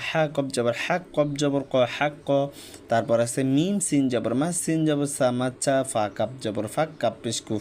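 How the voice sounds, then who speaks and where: A male teacher slowly leading a Quran reading drill, naming each letter and vowel mark and then joining them into syllables with patient step-by-step explanations. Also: medium pitch, darkish tone, a little hiss or hum. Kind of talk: slow, repetitive recitation drill.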